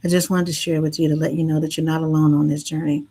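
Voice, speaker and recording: A woman speaking gently and earnestly in a heartfelt livestream talk, reassuring listeners like a counselor. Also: low voice, flat delivery, fast talker, gravelly, husky. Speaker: grief counselor and livestream host.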